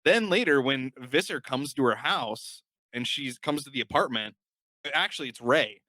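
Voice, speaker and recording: A man's voice: medium pitch, expressive, normal speed, pushed and bright, no echo, poor audio. A man co-hosting a podcast, talking casually and rambling about a film with many "like" fillers. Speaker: podcast co-host.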